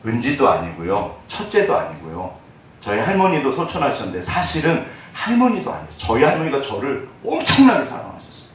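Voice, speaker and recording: A man in his forties preaching a sermon, telling personal stories in an animated way that swings between loud and hushed. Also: medium pitch, fairly quick, slight background noise. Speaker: pastor. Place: church sanctuary. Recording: echoey church hall, distant mic.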